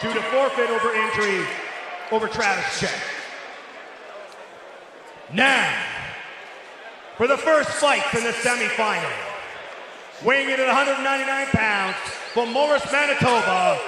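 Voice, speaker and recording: A man working as a ring announcer, making a grand entrance announcement with shouted, drawn-out names. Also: very high-pitched. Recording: echoey arena PA, noisy crowd.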